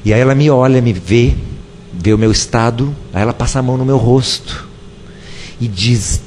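Guy telling his own story, halting and emotional, some reverb and faint room hum. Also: medium pitch, a little mellow. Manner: emotional, halting, repeats himself. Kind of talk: personal storytelling.

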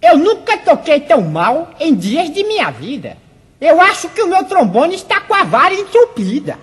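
A woman's voice: high voice, huge pitch swings, moderate pace, in a large hall, voice pushed up. A woman voicing a flustered male bird who plays trombone, complaining in an exasperated rush in a children's radio story.

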